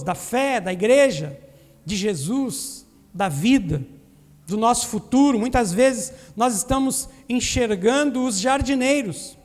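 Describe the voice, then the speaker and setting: Southern Brazilian male pastor, high voice, earnest sermon delivery, church with long reverb. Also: a little mellow. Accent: Brazilian Portuguese, southern Brazil. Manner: earnest preaching with call-and-response questions to the congregation. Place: church sanctuary.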